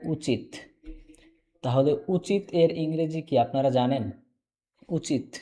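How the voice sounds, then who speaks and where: Guy teaching english online, mellow voice, repeats words over and over, some typing behind. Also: fairly high pitch. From Bangladesh. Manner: repeats words slowly, drills. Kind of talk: casual online class.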